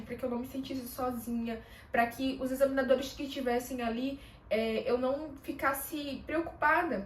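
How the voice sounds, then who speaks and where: A woman with a high voice tells a personal story to the camera, casual and animated, briefly acting out bits of dialogue. She sounds a little far from the mic in an echoey room, with faint noise behind her. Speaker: vlogger.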